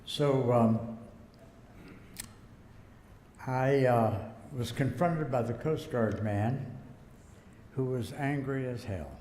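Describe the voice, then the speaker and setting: A man's voice: mid-range voice, extremely slow, long pauses, warm tone. An older American man telling a rambling, folksy story as a guest speaker, chuckling now and then. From United States. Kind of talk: anecdotal storytelling speech. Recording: echoey hall, faint background noise.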